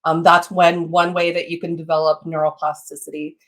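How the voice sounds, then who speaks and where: A woman with a slightly low voice teaches in an informal, explanatory way. Her phrasing is halting, and she checks in with short tags as she explains. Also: level tone. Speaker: teacher of meditation and psychic development. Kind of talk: informal live lesson, explanatory.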